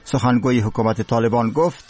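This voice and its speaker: A man with an Afghan accent reading scripted radio news in a solemn, formal, measured manner. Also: medium pitch, darkish tone, husky. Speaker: radio newsreader.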